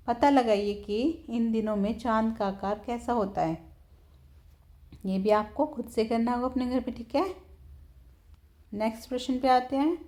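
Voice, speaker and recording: A woman teacher, patiently explaining a textbook lesson to young children, often slowing down to repeat words. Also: fairly high pitch, darkish tone. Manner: patient, repeats words slowly, keeps saying "theek hai".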